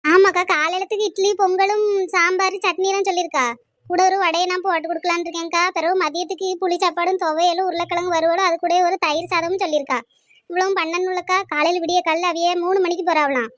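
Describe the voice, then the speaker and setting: A woman's voice: very high voice, fairly even intonation, fast, fairly bright tone, dry recording, highs cut off. A woman voicing a chatty young village woman in a cartoon. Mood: eager. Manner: eager, chatty, listing details. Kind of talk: cartoon voice acting.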